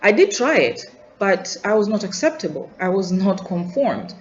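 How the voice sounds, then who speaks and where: A young Tanzanian woman, a student vlogger with a Tanzanian English accent, thinks aloud in a reflective, unscripted vlog, hesitating with restarts and trailing asides. Her medium-pitched voice is very animated at a normal speed. The lo-fi recording sounds roomy and dull, with faint hiss.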